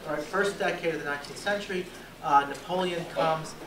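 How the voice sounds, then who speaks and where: A middle-aged man from Egypt, raised in Georgia, gives an academic lecture into a handheld mic. He explains in a measured way, with "uh" fillers and "right?" asides. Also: fairly high pitch, a crowd in the background. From born in Egypt, raised in Georgia, USA. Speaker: guest lecturer. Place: lecture room, indoors. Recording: echoey room, distant camera mic, audible noise.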